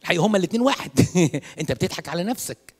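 A man with an Egyptian Arabic accent preaches at a quick clip, telling stories and switching into short acted dialogues. He mixes English phrases into his sermon. His voice carries the long reverb of a church hall. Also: sits high. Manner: animated storytelling, acts out dialogues, mixes in English. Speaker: priest.

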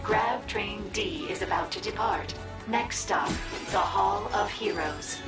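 Station announcer over a loudspeaker. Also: female voice, medium pitch. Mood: announcing. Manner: polite, measured announcements. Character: calm female train station announcer. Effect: public address loudspeaker. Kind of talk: game voice acting. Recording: echoey game audio with loud music.

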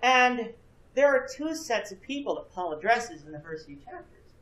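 The echoey, distant recording comes from a far camera with no visible mic in a church classroom with a projection screen. There a man in his thirties earnestly teaches Bible class and questions students, his very high, a-bit-bright voice swinging widely in pitch at a moderate pace.

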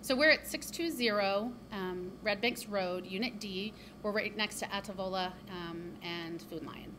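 A woman who co-owns a bakery talks in an upbeat, chatty way, with plenty of ums. She is interviewed inside her shop on a handheld mic. Steady noise sits behind her voice. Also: mid-range voice, unhurried. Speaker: bakery co-owner. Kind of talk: casual interview. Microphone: handheld reporter mic. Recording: noticeable background noise.

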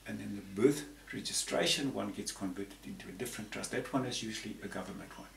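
The man speaking is from Zambia and in his sixties, and he explains things in a rambling, conversational style while often repeating words as a panel guest. His voice is on the low side, gravelly, and fairly bright, and he speaks at a quick pace. Behind him is a patterned tapestry backdrop, and the audio sounds roomy and distant with faint hiss.

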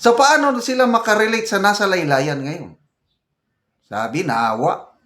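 Brief: older Filipino retired general, slightly high voice, slow, indignant commentary, echoey room. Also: male voice, a bit bright. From Philippines. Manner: reads comments aloud, chuckles, indignant. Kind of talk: casual political commentary. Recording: roomy echo.

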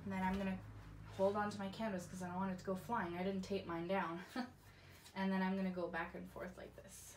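A Canadian woman in her thirties, a painting instructor, walks through each tutorial step in a friendly, instructive way from an indoor craft studio with paint shelves. Her voice is medium-pitched, with slight background noise.

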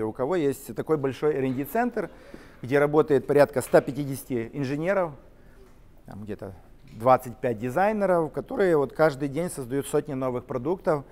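A middle-aged man, a company co-founder, telling his story in an interview, lively and gesturing as he walks through large factory halls. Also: medium pitch, normal speed, big-room sound. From Ukraine. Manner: animated, gesturing while walking and talking. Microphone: camera-mounted shotgun mic.

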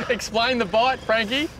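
A man with an Australian accent hosting a fishing show from a boat outdoors, excitable and chatty, laughing often. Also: very high voice, noisy background. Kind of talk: casual outdoor fishing commentary.

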